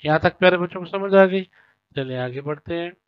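A male teacher from Pakistan explains a school lesson to young children. He reads each point, translates it, repeats key words slowly and checks that the children follow. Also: high voice, clear, resonant tone, no echo. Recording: dull lo-fi recording.

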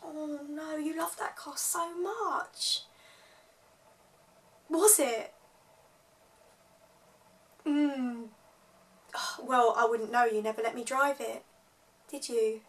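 Overlooked Cockney daughter played by a woman, high and unhurried, wry phone-call monologue, slightly distant mic. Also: fairly even intonation. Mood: sympathetic, wry. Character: put-upon younger East End woman, overlooked daughter and sister. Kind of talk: acted monologue, one side of a phone call. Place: small indoor room, plain wall.

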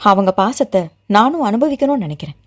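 A woman narrator voicing a composed grown man who speaks in a steady, unhurried, measured way. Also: mid-range voice. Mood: calm. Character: calm, composed grown man asking to be guardian.

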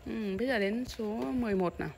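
Woman, mother role, slightly high-pitched, patient and repetitive pronunciation coaching at home. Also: quick pace, creaky, background noise. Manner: patient, repeats and stresses sounds for drilling. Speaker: mother coaching her child.

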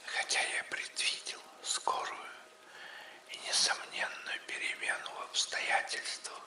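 A man's voice: pushed and bright, reverberant. A man reading an audiobook as whispered ASMR narration, speaking very close, right in your ear. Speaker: audiobook reader.

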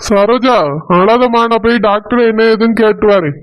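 A man doing a worried, gentle young cartoon husband. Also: high voice, fairly even intonation, normal speed, highs cut off, natural voice. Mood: anxious. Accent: Tirunelveli Tamil. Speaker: cartoon character.

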